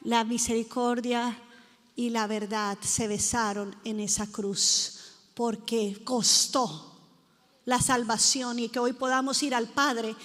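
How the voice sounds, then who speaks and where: Woman pastor with a high voice preaching, lively storyteller, big echoey hall. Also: takes it slowly. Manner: lively storytelling, acting out quoted people. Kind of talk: sermon. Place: conference hall before a live audience.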